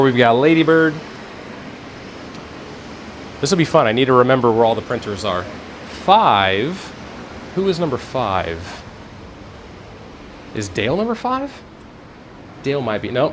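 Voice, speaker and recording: A man giving a casual, informal walk-through in vlog style, rambling and thinking aloud as he guides the viewer. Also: mid-range voice. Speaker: tour guide. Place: indoors, workplace rooms. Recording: faint room and air-conditioning noise.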